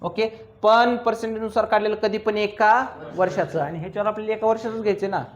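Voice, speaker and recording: A man teaching accounts to a classroom, firing quick questions at his students and teasing them as he drills each step. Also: sits high, steady tone, muffled recording. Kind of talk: classroom lecture.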